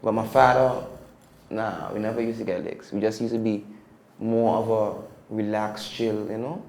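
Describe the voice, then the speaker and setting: Caribbean man, podcast guest, gravelly, roomy room, faint ambience; reflective and emphatic. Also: fairly low pitch, flat delivery, moderate pace, a little mellow. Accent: Caribbean English. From Caribbean (Statia). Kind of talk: casual storytelling interview.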